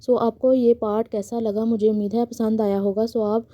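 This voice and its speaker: A woman reading a fan fiction story aloud in a steady, plain voice, then chatting to her listeners. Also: on the high side, normal speed, no echo. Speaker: story narrator. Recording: slightly dull lo-fi recording.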